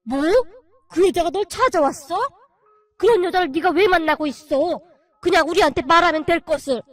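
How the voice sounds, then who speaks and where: A woman voicing an angry older father-in-law who shouts and demands answers, over faint music. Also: very high-pitched, moderate pace, no room sound.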